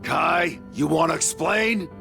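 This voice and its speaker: A gruff video game fighter, cynical and short on patience. His voice is gravelly and blunt, with music playing behind it. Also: fairly high pitch, slow pace, full character voice. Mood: sardonic, impatient. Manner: blunt, sardonic, impatient.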